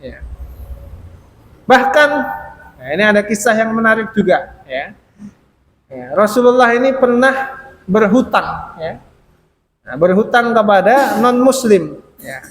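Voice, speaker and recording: A man's voice: high-pitched, very animated, a little slow, pauses often, a bit bright. A man preaching to a congregation, telling a story and acting out the people in it, with a frequent "ya" between phrases. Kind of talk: sermon. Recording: reverberant hall, faint noise.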